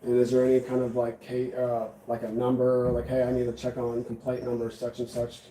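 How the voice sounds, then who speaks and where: A man's voice: medium pitch, monotone, a little fast, mellow, a little hiss or hum. A man filing a complaint at a police desk, who talks hesitantly and with many fillers. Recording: echoey, caught from a distance.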